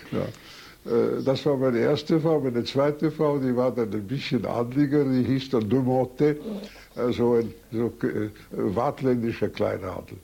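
An older Swiss man whose first language is French tells his life story in a taped interview, speaking slowly in a mid-range voice that is dark, slightly rough, and marked by vocal fry. He rambles through anecdotes with frequent hesitations and self-corrections, and the audio is dull.

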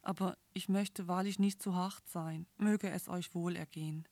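A woman reading the part of a rent collector who speaks calmly and firmly, with a hint of regret. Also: lowish voice, dry recording, lightly acted. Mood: regretful. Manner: calm, measured, regretful. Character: measured male rent collector, reluctant but firm.

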